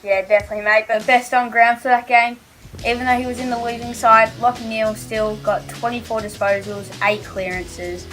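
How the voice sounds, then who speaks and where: A woman's voice: a little high, fairly even intonation, a little fast, fairly bright tone, faint music behind. Australian woman chatting through sports analysis. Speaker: podcast co-host. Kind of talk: casual sports analysis chat.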